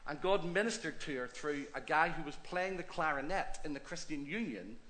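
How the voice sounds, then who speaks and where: Speaking at normal speed in a fairly high voice, a middle-aged pastor with a Northern Irish accent chats through his story from a church stage. It's a stage interview with preaching, delivered in an animated, self-deprecating way by this Northern Ireland native.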